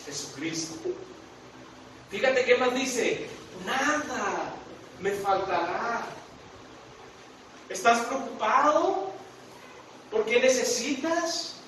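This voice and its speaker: A man in his thirties with a Guatemalan Spanish accent, preaching a sermon in earnest, rising on his questions and slowing down to read scripture. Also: extremely high pitch, lively intonation, fairly bright tone, slight background noise. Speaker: pastor. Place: church sanctuary. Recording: very echoey church hall, voice from a distance.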